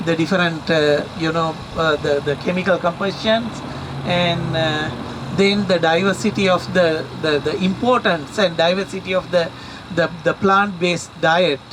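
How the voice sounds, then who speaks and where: A middle-aged man from Sri Lanka, a university researcher giving a talk to a community audience, speaking haltingly with many fillers and repeated words. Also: fairly high pitch, fairly even intonation, noisy background.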